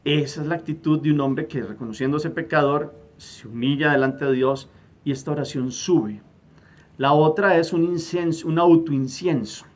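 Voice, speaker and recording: A man's voice: on the high side, moderate pace. Emphatic preaching priest, a man. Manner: emphatic, repeats words while searching for phrasing; acts out quoted prayers with a raised, louder voice. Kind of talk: gospel homily.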